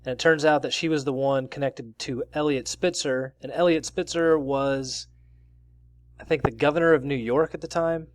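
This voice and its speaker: Guy doing his own news commentary vid, chatty, mid-pitched voice, dead dry room. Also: fairly even intonation, normal speed, dry recording. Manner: conversational, reads out article excerpts with asides.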